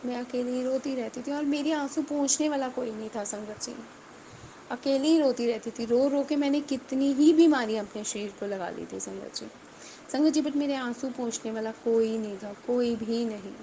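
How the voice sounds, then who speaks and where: A woman's voice: on the high side, normal speed, warm tone, a little hiss or hum, poor audio. A woman giving an earnest, emotional devotional testimony, repeating her phrases and speaking straight to her listeners.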